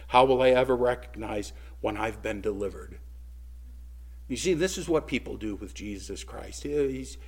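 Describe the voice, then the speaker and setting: A man preaching a sermon as pastor, earnest and rising in force when he reads scripture aloud. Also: mid-range voice.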